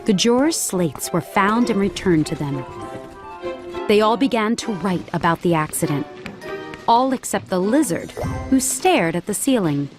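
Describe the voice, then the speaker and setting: A woman reading a children's storybook aloud in a clear, measured narration. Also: medium pitch, lively intonation, music in the background.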